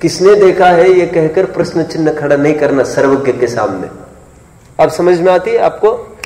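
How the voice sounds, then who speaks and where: Speaking at a normal speed in an expressive, darkish voice that sits on the high side, a man gives a sermon-style scripture lecture to people in the room. He keeps stopping for rhetorical questions and to check that they follow. The echoey hall adds long reverb.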